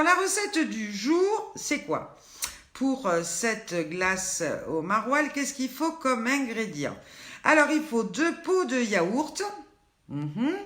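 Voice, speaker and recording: A woman's voice: on the high side, a bit bright. An older woman with a Southern French accent hosts a casual live cooking chat, joking and talking straight to her viewers by name. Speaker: online show host. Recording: roomy echo.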